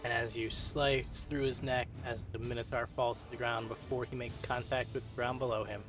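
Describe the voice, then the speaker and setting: A man's voice: medium pitch, little pitch movement, over music. Man running a tabletop game. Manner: matter-of-fact rulings, brisk narration. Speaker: game master.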